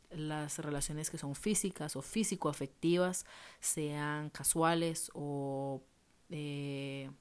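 A young woman from Costa Rica talks through her solo podcast episode, her voice sitting low. She speaks in a relaxed, chatty way and often pauses on little fillers. Her Costa Rican accent comes through plainly. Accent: Costa Rican Spanish. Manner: chatty, with many fillers like "este" and "eh". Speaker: podcast host. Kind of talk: casual solo podcast talk. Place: at home.

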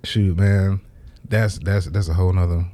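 A man's voice: low-pitched, steady tone, moderate pace, dark tone. A man hosting a podcast, talking in a laid-back, rambling way and laughing often. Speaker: podcast host. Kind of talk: casual conversation.

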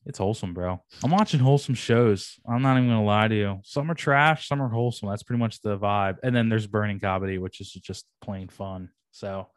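This young man co-hosts a podcast and casually, animatedly reviews anime, using lots of slang and casual swearing. His voice is on the low side and a little fast, with hardly any pauses, in a dry, studio-quality recording.

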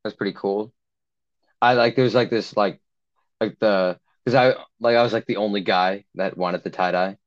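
A young man spins a long camp story in a loose, rambling way, filling every gap with "like" and slipping into the voices of the people in it. His voice sits low, and the recording sounds a little dull and lo-fi. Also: steady tone, normal speed. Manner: rambling, heavy use of "like", acts out quotes. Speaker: podcast co-host. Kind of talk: casual storytelling chat.

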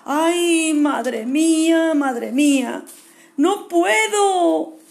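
A woman's voice: big pitch swings, measured pace, a little mellow, reverberant. A woman voicing a timid young male koala who clings to safety and talks in a nervous, fretful way. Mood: panicked. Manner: nervous, fretful, higher put-on voice.

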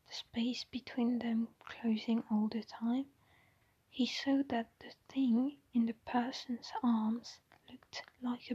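A woman reading a story aloud in a soft, unvoiced whisper, slow and hushed, with the odd small restart. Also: fairly high pitch, breathy edge. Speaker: reader. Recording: dull lo-fi recording.

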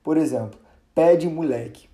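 A man teaching a casual grammar lesson, chatty and relaxed, with many fillers and restarts, drawing out example words for emphasis. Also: on the high side, moderate pace.

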